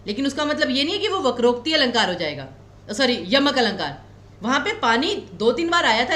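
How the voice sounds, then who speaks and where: Woman coaching-class teacher, Himachali Hindi accent, reassuring, high animated pitch. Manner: explains patiently, repeats key points slowly; reassuring, tells students not to worry. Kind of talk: exam coaching lecture. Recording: echoey room.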